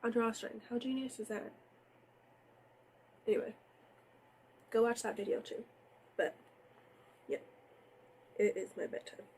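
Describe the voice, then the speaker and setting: A woman's voice: on the high side, a little slow, pauses often, dark tone, a little hiss or hum, rough recording. Stuffy nasal woman w sniffles recapping a show, blunt n exasperated, just chatting to her viewers. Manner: outspoken, exasperated, talks straight to viewers. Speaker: TV recap host. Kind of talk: casual recap commentary.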